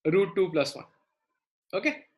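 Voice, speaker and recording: A woman's voice: on the low side, very animated, measured pace. A woman with a South Indian accent teaching a live online maths lesson, repeating phrases and often checking in with students.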